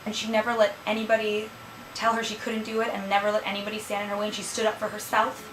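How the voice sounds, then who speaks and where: A woman's voice: medium pitch, monotone, quick pace, fairly bright tone, echoey room, slight background noise, poor audio. A woman talking to camera in a sincere, heartfelt, admiring way. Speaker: web comedy group member. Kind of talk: casual to-camera talk.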